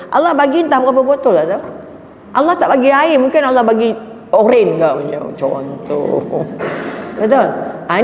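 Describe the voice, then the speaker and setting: A woman's voice: sits high, a little mellow. A woman with a Malaysian Malay accent gives a religious talk to an audience. She is chatty and humorous, acts out everyday stories and often checks with her listeners. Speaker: religious speaker. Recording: echoey hall with faint background noise.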